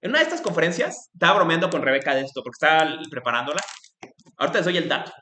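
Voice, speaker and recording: A man giving a university philosophy lecture, talking discursively with frequent tag questions, restarts and lively acted-out exclamations. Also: fairly high pitch, very fast, slight background noise. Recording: echoey room.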